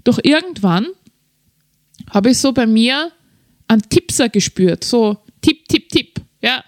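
A middle-aged woman tells a confessional story from her own life. Her voice sits a little high and comes across close and dry, with no room around it. She lingers on key words for emotional weight. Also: animated, measured pace, no room sound. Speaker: podcast host and keynote speaker. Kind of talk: personal storytelling monologue.

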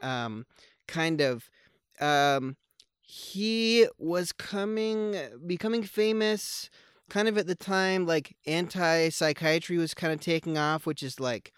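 Podcast co-host, male: easygoing rambler, smooth and resonant voice, close and dry. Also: a little high, slow pace, dry recording. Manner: rambling, with many fillers and restarts; joking, wry. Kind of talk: casual conversational film chat.

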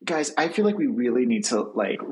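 A man's voice: medium pitch, very animated, brisk, darkish tone. A man co-hosting a podcast, musing aloud with questions and loose, restarting phrases. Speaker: podcast co-host. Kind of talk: casual chat reviewing a TV episode.

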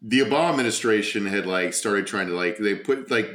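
A deep-voiced man tells a long story on a casual podcast, piling on fillers and the odd swear word. His voice rings a little in a roomy space. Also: fairly quick, fairly bright tone. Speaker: podcast co-host. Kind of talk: casual chat.

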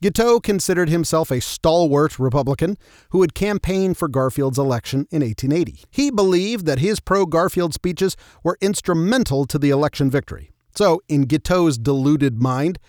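A man's voice: a little high, darkish tone, no echo, clean studio sound. A man narrating scripted history in a true crime storyteller's style, with wry, tongue-in-cheek asides. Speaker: narrator and host of a history show.

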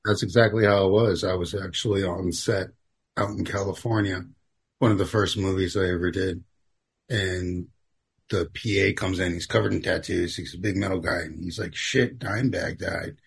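A man's voice: sits low, steady tone, normal speed, creaky, husky. A man hosting a podcast in a laid-back, casual way, with plenty of filler words. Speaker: podcast host.

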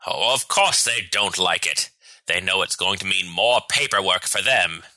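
A man playing a scheming, vain president in a satirical sketch, speaking with slow, pompous, theatrical villain menace. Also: deep voice, bright, forceful tone, no room sound. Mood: coldly menacing. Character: scheming, vain, power-hungry male American president as villain. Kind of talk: scripted satirical sketch acting.

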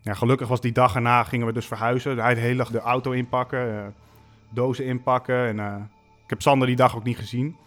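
Man, spooky storyteller, soft and halting, mid-pitched, faint music behind. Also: flat delivery. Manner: soft, halting delivery with many pauses. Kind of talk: spooky first-person storytelling.

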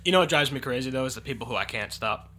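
Bright-voiced man ranting casually. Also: medium pitch, husky. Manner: rambling, exasperated complaining with quick bursts. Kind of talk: casual banter.

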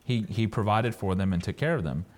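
A man teaching a Bible study sermon, reading verses aloud and explaining them in a halting way, often repeating words as he goes. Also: on the low side, a little mellow.

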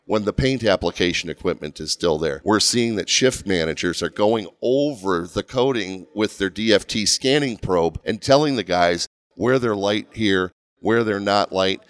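A man with a deep, smooth radio voice, chatting casually as a podcast guest and explaining technical work with easy repetition. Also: moderate pace, few pauses, no echo, studio quality. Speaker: podcast guest, coatings inspection expert.

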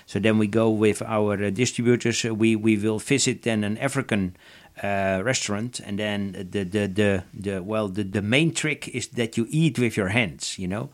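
A man talking casually as an interview guest, halting and repeating words as he searches for them. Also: on the low side. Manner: halting, repetitive, hesitant delivery.

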